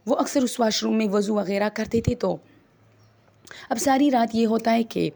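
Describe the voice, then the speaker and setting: A woman's voice: a little high, creaky, warm tone. A woman, chattily retelling a first-person ghost story to her listeners as friends and acting out the quoted dialogue.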